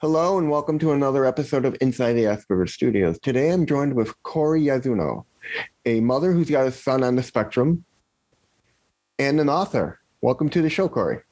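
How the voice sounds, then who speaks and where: A man's voice: mid-range voice, animated, a little fast, darkish tone, dry recording. A man hosting a podcast interview, opening with scripted welcomes and brief questions. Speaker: podcast host.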